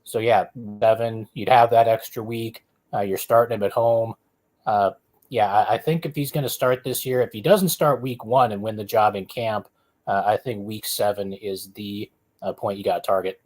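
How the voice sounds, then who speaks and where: A man co-hosting a casual sports talk show, talking through his reasoning in a measured, analytical way. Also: lowish voice, steady tone, a little mellow. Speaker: podcast co-host.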